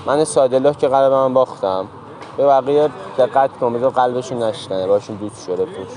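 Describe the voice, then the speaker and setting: A man's voice: medium pitch, dark tone. A young man pulling a hidden-camera prank, pestering and pleading theatrically in street chat. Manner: pushy, teasing, theatrical pleading. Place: outdoors in a busy city park. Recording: crowd noise outdoors.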